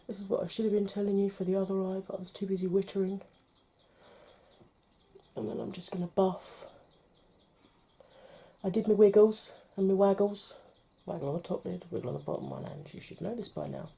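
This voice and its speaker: A British woman talking through a makeup tutorial, chatty and playful, often dropping to a soft murmur. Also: medium pitch, expressive, a little fast, gravelly, long pauses, husky. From United Kingdom. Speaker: beauty vlogger.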